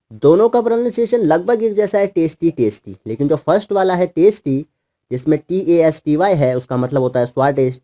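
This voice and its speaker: The speaker is a man with a voice on the high side and a dark tone, explaining English word meanings to children in Hindi. Patiently, he breaks each word down letter by letter.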